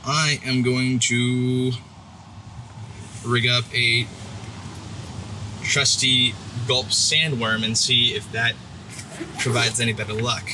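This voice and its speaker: A man's voice: mid-range voice, slow pace, long pauses. A young man casually talking to himself as he fishes from a rocky ocean shore, recorded on an action camera. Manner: relaxed, talks to himself while fishing. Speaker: fishing vlogger. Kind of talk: casual outdoor narration. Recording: wind-buffeted action camera by crashing surf. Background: surf and wind.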